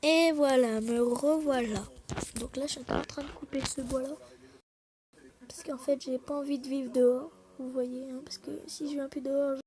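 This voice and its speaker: A woman's voice: high voice, steady tone, normal speed, background noise. A woman giving casual, rambling gameplay commentary, chatting with viewers, apologizing often and dropping into whispered asides. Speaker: gaming video creator.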